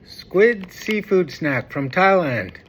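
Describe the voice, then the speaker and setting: A man's voice: sits high, sing-song, slow, fairly bright tone, slight background noise. A man talking casually to his viewers as a food review vlogger.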